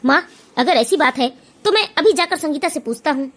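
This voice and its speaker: A devoted young son pleads earnestly with his mother, played by a woman. The cartoon voice is high and sincere. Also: lively intonation, fairly quick. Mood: pleading. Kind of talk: cartoon voice acting.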